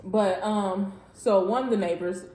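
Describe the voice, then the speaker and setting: A woman's voice: mid-range voice, fairly even intonation, a little slow, mellow. Woman chiming in with quips, echoey room. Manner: chimes in with short quips and laughs. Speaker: co-host partner. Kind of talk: casual chat.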